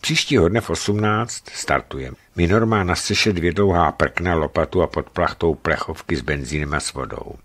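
A man calmly and expressively reading a travel book aloud for radio. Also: low-pitched, few pauses. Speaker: narrator. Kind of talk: scripted radio book narration.

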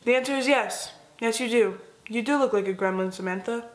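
A woman's voice: a little high, a little fast, slight background noise. Sarcastic teen girl narrating. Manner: sarcastic, teasing. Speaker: student video host. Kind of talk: comic scripted narration. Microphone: close camera, plain wall.

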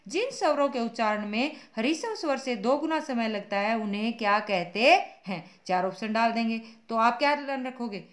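Woman teacher going over hindi grammar, voice a bit high, asks then answers herself, keeps saying beta. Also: lively intonation, moderate pace, few pauses. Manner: asks students questions and answers them herself; calls students "beta", patient and repetitive. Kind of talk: online class lecture. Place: school classroom.

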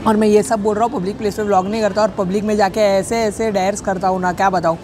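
A man's voice: high voice, little pitch movement, very fast, music in the background. A young man vlogging casually from a public cafe, rambling, joking and correcting himself as he goes, talking into a handheld camera. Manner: rambling, jokey, self-correcting. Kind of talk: casual vlog talk.

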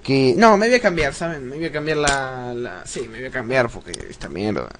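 A man's voice: mid-range voice, animated, fairly quick, crowd noise. A teenage boy with a Rioplatense Spanish accent, rambling and swearing a lot as he chats over his gameplay into a loose mic. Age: teen. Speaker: gameplay commentator. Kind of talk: rambling let's-play chat. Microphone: loose desk mic that keeps slipping.

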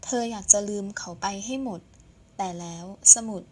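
A woman's voice: mid-range voice, normal speed, dark tone, slightly rough. Woman narrating a romance audio novel. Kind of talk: scripted narration.

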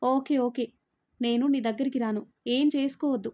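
A woman's voice: fairly high pitch, steady tone, normal speed, lo-fi sound, close to an everyday voice. A woman voicing a scheming young male villain in a spoken story, coaxing and placating.

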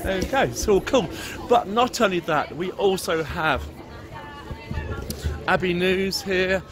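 An English man with a high voice takes his time as he vlogs a walk through a busy outdoor Christmas market, chatty and jokey, chuckling with stallholders. The handheld gimbal camera records plenty of crowd chatter around him.

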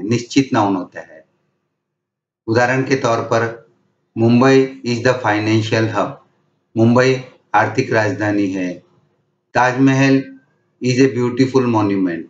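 A man teaching English grammar, reading each rule slowly and then explaining it in Hindi. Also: mid-range voice, recorded from a distance. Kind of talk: slow, deliberate grammar lesson. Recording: echoey room, dull lo-fi sound.

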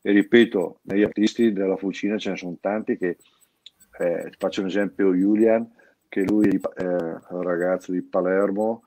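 A man's voice: deep voice, darkish tone, dry recording. A middle-aged man with a Brescian Italian accent, talking casually as an interview guest, rambling and restarting his sentences often. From Brescia area, northern Italy. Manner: rambling, many restarts and repeated words. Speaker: guest, founder of an artists' collective.

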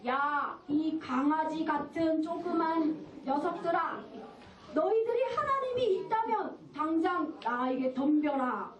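A woman voicing a nasty, boastful giant warrior who taunts slowly and gruffly. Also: high-pitched, lively intonation. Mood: taunting. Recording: echoey room from far off, children nearby.

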